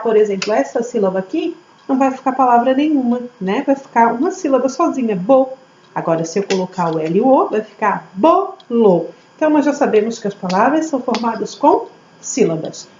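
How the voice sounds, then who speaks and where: A woman teacher, slowly sounding out words syllable by syllable for young children. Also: on the high side. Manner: slow, syllable-by-syllable, lively teacher questions. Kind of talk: early literacy lesson for children. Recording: echoey room, slightly dull audio, faint hum.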